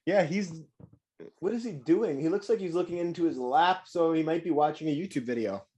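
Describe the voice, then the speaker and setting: A man's voice: on the high side, fairly quick, dark tone, slightly rough, no echo. A man co-hosting a casual podcast, reading a listener's email aloud and breaking in with sarcastic asides. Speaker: podcast co-host.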